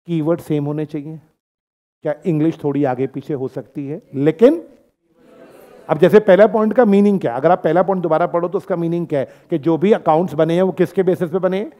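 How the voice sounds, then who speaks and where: A man's voice: sits high, a little mellow. An Indian man teaching a classroom lecture, often stopping to check that the students have understood and mixing English terms into his speech.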